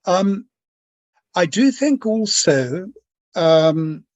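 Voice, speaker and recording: A man answers thoughtfully on a video call at a very slow pace. He is deliberate and often halts mid-phrase to find his words, and the sound around his voice is dry. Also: high voice, very animated, a little mellow, no echo. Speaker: speaker answering questions.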